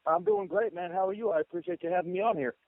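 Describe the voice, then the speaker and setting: A man's voice: high-pitched, fast talker, dry recording. A man chatting casually as a podcast guest over a narrow phone connection. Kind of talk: casual chat. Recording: narrow, tinny phone-line audio.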